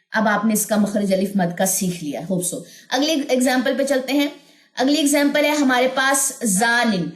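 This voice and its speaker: A woman's voice: high-pitched, reverberant. A woman teaching Quran recitation online, explaining pronunciation and drawing out long vowels in her examples while mixing in English words. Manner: demonstrates sounds with long drawn-out vowels. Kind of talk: online tajweed lesson.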